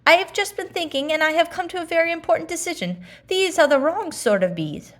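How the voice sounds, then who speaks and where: A woman voicing an earnest, anxious little male toy bear in a children's storybook, speaking in a deliberate, declamatory way. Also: extremely high pitch, lively intonation, fairly bright tone, voice pushed up. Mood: rattled, decided.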